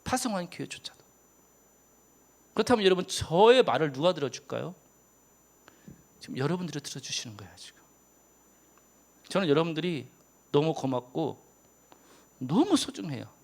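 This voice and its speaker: A man in his fifties preaching an impassioned sermon as a missionary, swinging from emphatic loud peaks to hushed whispers. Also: fairly high pitch, very animated, normal speed, gravelly, pauses often.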